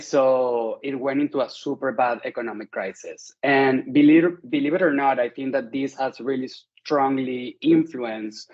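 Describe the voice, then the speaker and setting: Chatty Venezuelan-born man, dull audio. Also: mid-range voice. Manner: friendly, chatty, many "like" fillers. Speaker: interview guest. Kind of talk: casual interview conversation.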